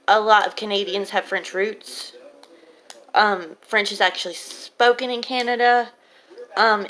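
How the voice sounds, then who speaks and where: A woman with a swollen lip giving an informal student presentation on an article, speaking hesitantly and haltingly, with slightly off articulation. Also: medium pitch, a bit bright. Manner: hesitant, halting delivery with long pauses.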